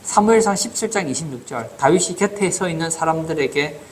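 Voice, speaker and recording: A man's voice: on the high side, lively intonation, brisk, a little hiss or hum. A man preaching a sermon as pastor in a church, asking the congregation rhetorical questions.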